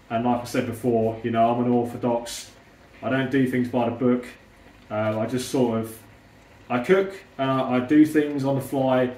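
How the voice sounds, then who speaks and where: A man's voice: mid-range voice, a little mellow. A man who pronounces his R's like W's, chatting informally to viewers as he presents a home cooking tutorial. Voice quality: speech impediment, says w for r. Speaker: home cook presenting a recipe video. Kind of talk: casual cooking tutorial chat. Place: indoors in a kitchen. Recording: roomy, distant mic, faint background noise.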